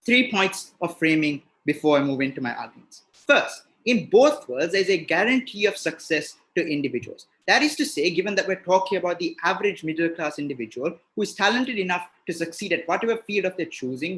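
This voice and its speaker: High-voiced man giving a debate speech. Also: fairly bright tone. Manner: rhetorical, emphatic. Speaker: debate speaker. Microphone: video call.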